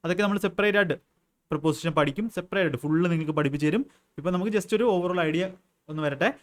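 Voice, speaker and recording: A man's voice: fairly high pitch, very fast. A man with a Malayali accent teaching an exam-prep English grammar lesson, asking and answering his own questions and repeating key words.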